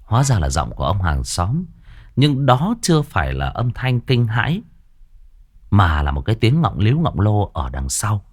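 A man narrating a horror story in a lively, colloquial way. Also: fairly low pitch, moderate pace.

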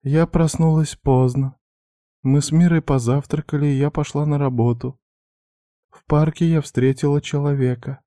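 A man voicing a frightened young waitress who answers quietly and timidly. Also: on the high side, fairly even intonation, moderate pace, dry recording, clean studio sound, voice pushed up, natural voice. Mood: timid hushed. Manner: quiet, barely audible. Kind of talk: audiobook character voice.

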